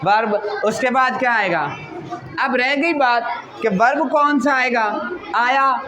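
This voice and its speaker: A man teaching an English lesson in a classroom. He speaks with a flavor, keeps asking the class questions and calls the students "beta". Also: very high voice. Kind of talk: classroom lecture. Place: school classroom. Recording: noisy classroom with crowd chatter.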